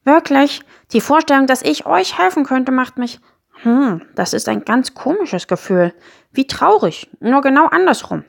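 A woman's voice: high-pitched, animated, measured pace, vocal fry, pitched above the performer's own voice, exaggerated voice. A woman voicing a small, sad young grumpy magic creature in a storybook reading, plaintive and sighing. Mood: wistful.

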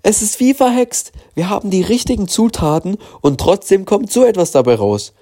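A man voicing a desperate woman who runs a market stall, speaking in a high, despairing voice. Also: very animated, moderate pace, warm tone.

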